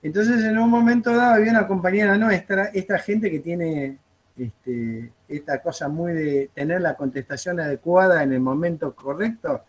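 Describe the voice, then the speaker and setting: A man's voice: a little high, moderate pace. A man with an Argentine accent, teaching an aviation course in a classroom, chatting through anecdotes with frequent fillers.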